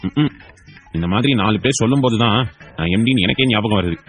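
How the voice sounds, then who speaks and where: A man's voice: lowish voice, fairly quick, faint music behind, close to an everyday voice. A man voicing a breezy, talkative young company boss in an audio story. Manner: playful, talkative, lively delivery.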